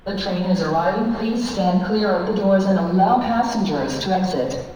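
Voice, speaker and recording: A woman's recorded train platform announcement over a loudspeaker, calm and measured, in an airport station. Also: medium pitch. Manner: calm, measured, evenly paced. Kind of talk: automated transit announcement. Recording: echoey loudspeaker from far off, loud train noise.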